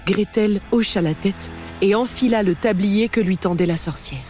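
A woman narrating a fairy tale for a storybook recording with expressive, lively delivery. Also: medium pitch, normal speed, soft background music.

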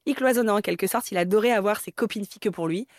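This fast-talking interview guest, a woman in her thirties from Paris, has a medium pitch and a candid, conversational manner with frequent fillers. Her voice comes through clean studio sound with no echo.

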